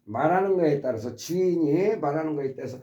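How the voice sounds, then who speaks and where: Man, vocabulary teacher, fairly high, mellow voice, repeats words and stresses, polite to his subscribers. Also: animated, a little fast, roomy sound, dull audio. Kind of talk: explanatory vocabulary lesson.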